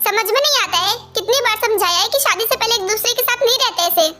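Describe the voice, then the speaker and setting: A woman's voice: very high voice, fast, loud music behind the voice. A woman dubbing a strict, scolding middle-aged mother in an amateur fan dub. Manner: sharp, scolding, bossy.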